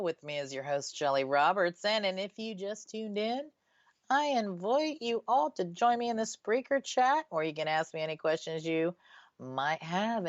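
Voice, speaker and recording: A woman's voice: mid-range voice, no room sound. A woman hosting a radio show about ghosts in a conversational storytelling style. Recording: slightly dull, dry sound.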